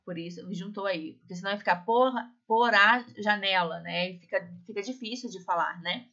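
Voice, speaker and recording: Woman teacher with a bright voice. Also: medium pitch. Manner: explains slowly, ends phrases with "tá bom?"; reads Spanish examples slowly and carefully. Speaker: Spanish teacher. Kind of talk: recorded online class lesson. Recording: slightly dull lo-fi sound.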